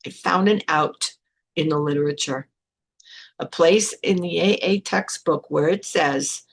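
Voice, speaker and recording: A woman's voice: low voice, unhurried, creaky. An older woman hosting a spiritual podcast, telling her own story in a frank, blunt way with some swearing. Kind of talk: candid personal storytelling.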